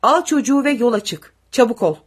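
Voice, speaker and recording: A woman voicing a brutal tall male soldier who barks threats and orders, with a husky voice. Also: medium pitch, animated, normal speed, a little mellow. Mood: barking threats.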